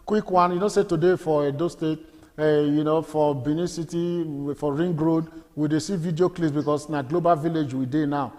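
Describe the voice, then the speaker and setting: A man's voice: on the high side, steady tone, normal speed, a little mellow. A man with a Nigerian accent, hosting an interview and asking polite, rambling questions. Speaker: interviewer, host. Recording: long reverb.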